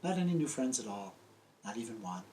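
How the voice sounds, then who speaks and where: An older American man who writes children's books tells stories to young children in simple, emphatic phrases, as part of a friendly scripted presentation in a small indoor room lined with books. His voice sits on the low side and sounds dark, very animated and a little fast. There's a slight hiss or hum.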